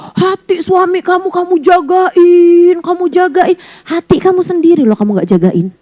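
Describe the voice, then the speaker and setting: A woman preacher giving a casual sermon to women, lively and teasing, full of rhetorical questions. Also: high voice, no room sound, poor audio. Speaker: Islamic preacher.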